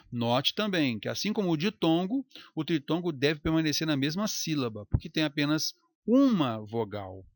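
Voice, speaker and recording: Lively teacher drawing out words. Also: male voice, on the high side, dry recording, clean studio sound. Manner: lively, stretches out example words slowly. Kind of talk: recorded grammar lecture.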